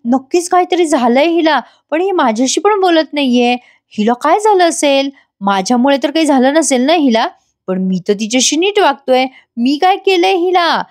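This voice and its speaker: A woman's voice: sits high, lively intonation, moderate pace, no room sound, clean studio sound, pitched above the performer's own voice. Puzzled young husband, musing inner voice, read by a woman. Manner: wondering inner monologue.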